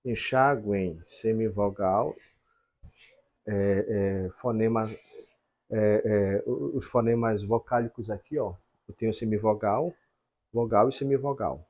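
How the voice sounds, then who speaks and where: A man's voice: fairly low pitch, takes it slowly, a little mellow. A man teaching a grammar lesson at a whiteboard, explaining step by step and checking in with the viewers.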